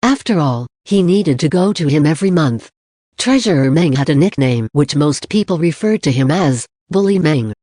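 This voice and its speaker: Dark, dry audiobook narrator. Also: mid-range voice, expressive, moderate pace, no echo.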